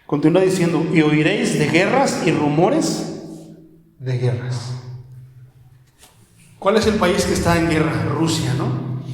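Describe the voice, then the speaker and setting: A man's voice: on the high side, animated, measured pace, pauses often. A man with a Mexican accent, preaching a sermon as a pastor in a small house of prayer, asking the congregation many rhetorical questions. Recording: echoey hall with long reverb.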